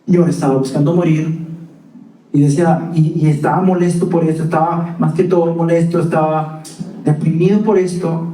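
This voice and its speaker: A man's voice: on the high side, flat delivery, brisk, warm tone, reverberant, recorded from a distance, rough recording. A male pastor giving a conversational sermon, often turning to ask the congregation questions. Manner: conversational preaching with asides to the congregation. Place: church hall.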